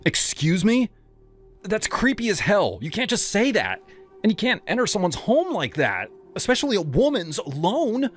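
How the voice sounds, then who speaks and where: A man's voice: high voice, wildly swooping pitch, moderate pace, faint music behind, pitched above the performer's own voice. A man voicing a young woman in her twenties who scolds an intruder sharply and indignantly. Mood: indignant, furious. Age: 20s. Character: young woman, frightened then furious tenant.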